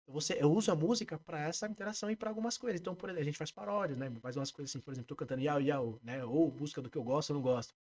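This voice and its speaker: A man with a Brazilian Portuguese accent, a music therapist being interviewed, explaining his work in a lively way and breaking into short sung examples. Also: fairly high pitch, racing, few pauses. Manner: animated, demonstrates by singing snippets.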